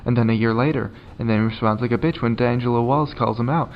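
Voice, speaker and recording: A man's voice: medium pitch, fast, muffled recording, faint music behind. A man doing casual commentary, sarcastic and swearing often. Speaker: commentary YouTuber.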